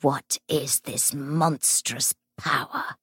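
A woman voicing the murdered ghost of a bitter male warlock, with a hollow, hissing voice and a slow, brooding delivery. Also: rumbling low, a bit bright, breathy edge, no echo, studio quality, heavily acted. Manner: slow, brooding, sinking to a whisper.

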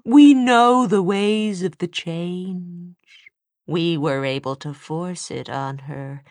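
A woman voicing a bitter, proud female demon with a high, thin voice, drawn out slowly and hissing. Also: no room sound, clean studio sound.

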